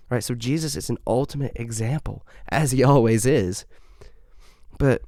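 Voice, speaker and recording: Earnest low-voiced man sharing faith. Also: dry recording, clean studio sound. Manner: earnest, conversational, frequent "right?" tags and soft laughs. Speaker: podcast host. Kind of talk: faith podcast testimony and encouragement.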